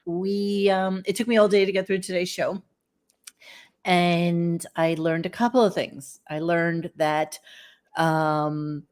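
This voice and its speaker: A woman's voice: on the low side, level tone, slow pace, a little mellow. A woman hosting a casual, salty talk show with an echoey sound, as if away from a close microphone. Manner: salty, swearing, joking. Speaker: host. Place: echoey basement room.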